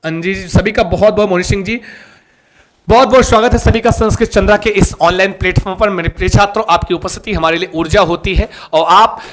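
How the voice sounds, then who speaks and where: A man leads a live online lesson in a fairly high voice. He coaxes his students along, repeats the key terms again and again, and keeps pressing them to give an answer. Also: steady tone, brisk, slight background noise. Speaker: online teacher for an exam-prep class.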